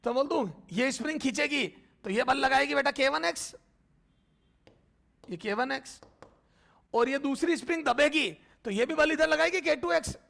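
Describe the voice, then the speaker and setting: A physics teacher, a man, works through a lecture at the board. His voice sits high and has a gravelly, creaky edge. He fondly calls students "beta", poses their questions and answers them, and drags out terms as he writes. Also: a bit bright. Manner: repeats terms slowly while writing.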